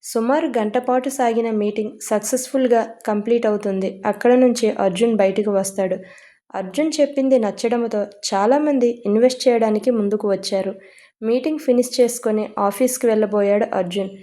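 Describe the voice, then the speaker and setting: A woman reads an audio story in a steady, even storytelling manner, dropping English words in here and there. Her voice sits a little high and sounds mellow and soft. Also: fairly quick.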